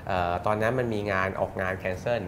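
Thirties man, guest on a TV business show; quick, explanatory, lapel mic, noisy background. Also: on the low side, fairly even intonation. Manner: fast, explanatory, acts out customer quotes. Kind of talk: studio interview. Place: bright TV studio set.

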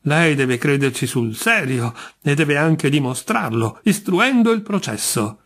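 A man with a husky voice voicing Chiarcaro, a bitter middle-aged man branded a jinx, indignant and insistent in an audiobook reading. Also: fairly high pitch, animated, measured pace, a bit bright, exaggerated voice.

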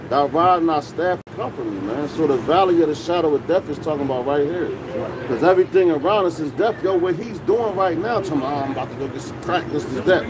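A man in his forties preaches outdoors on a city street at night, his voice sitting a little high for a man. He talks loosely and conversationally, tossing in "man" and "you know" between scripture points. Clear traffic and street noise run behind him. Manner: casual, repetitive fillers like "man" and "you know". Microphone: camera phone close up.

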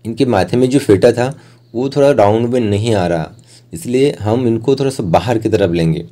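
A young man narrates an art tutorial as a step-by-step instructional voice-over, explaining each stage plainly. His voice is lowish and very mellow, and he sometimes stops mid-sentence to find the next word.

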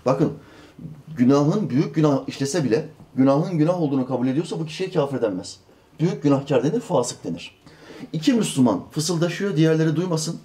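A man's voice: a little high, mellow. A man giving a Quran commentary lesson as a religious teacher, earnest and emphatic, with rising rhetorical questions.

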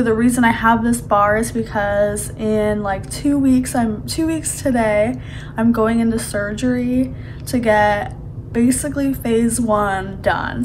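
Brief: woman vlogger, slightly high voice, slow unhurried delivery, a slight lisp, candid chatty diary tone full of fillers. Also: slight background noise, rough recording. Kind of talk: casual video diary.

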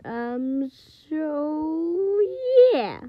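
A woman's voice: sits high, lively intonation, extremely slow, no room sound. A woman casually chatting in a vlog while trying out impressions, giggly and unable to stop laughing. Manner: giggly, keeps breaking into laughter. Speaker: YouTuber. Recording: dull lo-fi with faint noise.

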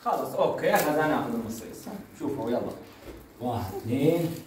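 A woman's voice: rumbling low, expressive, brisk. A woman running a playful game with her kids for a family vlog, bossy and laughing as she instructs them. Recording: echoey room, mic far off, noisy.

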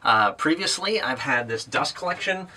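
Bright-voiced man explaining in his workshop. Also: fairly high pitch, animated, moderate pace, a little hiss or hum. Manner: explanatory, frequent "uh" fillers. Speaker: maker vlogger. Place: small indoor workshop. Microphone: camera on a tripod, then handheld.

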